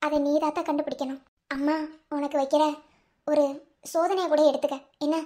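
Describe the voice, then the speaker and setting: A performer voicing a dead mother who speaks gently and pleadingly to her daughter in a dream, with a Madurai Tamil accent. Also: high-pitched, fairly even intonation, moderate pace, close to an everyday voice. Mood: tender pleading.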